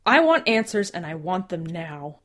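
A woman voicing a furious older father who shouts and demands answers in a raised, strained voice. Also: on the low side, big pitch swings, moderate pace. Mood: angry.

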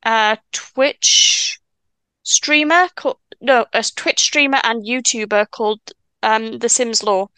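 A Welsh-speaking woman in her twenties from Wales chats casually as a podcast guest, full of quick asides and laughs, often stammering and restarting because of a stutter. Her voice is on the high side, steady, pushed and bright, with a clean tone and no room sound.

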